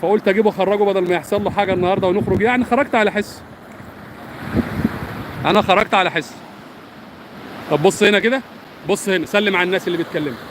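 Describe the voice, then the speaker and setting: Fast-talking Egyptian man on a windy beach. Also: high-pitched. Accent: Egyptian Arabic. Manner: chatty and earnest, swears by God often. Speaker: vlogger. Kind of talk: casual live-stream chat to viewers. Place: beach outdoors in wind. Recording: wind noise on phone mic.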